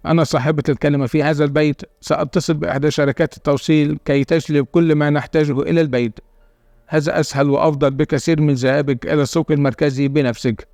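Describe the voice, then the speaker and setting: A man voicing a stern, controlling elderly grandmother in a spoken story, with a gravelly, fast delivery. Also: a little high, darkish tone, no echo, studio quality, close to an everyday voice. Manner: stern, commanding.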